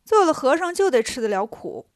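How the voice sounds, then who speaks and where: A woman voicing a brash, quick-tempered male monkey-monk who teases his companions. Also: high voice, very animated, dry recording, clean studio sound. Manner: brash, teasing.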